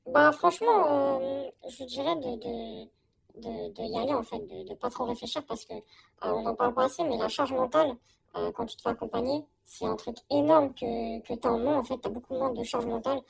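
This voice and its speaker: A woman's voice: high voice, animated, moderate pace, creaky, a crowd in the background. A young woman giving a casual, slangy testimonial in an informal conversation. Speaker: coaching client giving a testimonial.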